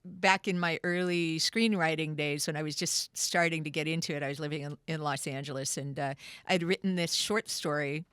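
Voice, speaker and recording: A woman's voice: deep voice, fairly even intonation, moderate pace, fairly bright tone, clear, resonant tone, no echo. A middle-aged woman telling long, rambling stories as a guest in a casual radio studio interview, full of fillers and restarts. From Canada. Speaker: guest musician and writer.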